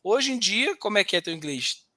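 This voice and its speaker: A man hosting a casual podcast chat, an animated storyteller who slips into slang and acts out the voices he quotes. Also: sits high, fairly quick, slight background noise. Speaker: host.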